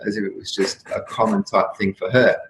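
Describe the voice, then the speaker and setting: A man in his fifties, a guest on an interview show, musing in a rambling, reflective way with frequent restarts and soft laughs. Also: fairly low pitch, fairly even intonation, a little fast, gravelly. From Australia. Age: 50s. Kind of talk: casual interview talk. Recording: roomy echo with faint room noise.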